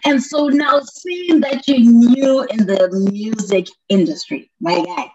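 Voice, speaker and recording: A woman's voice: high voice, lively intonation, slow, crowd noise. A woman from Zimbabwe hosting a radio interview, chatting in a bubbly, playful way with frequent laughs. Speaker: radio show host. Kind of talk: casual interview chat. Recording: dull lo-fi sound.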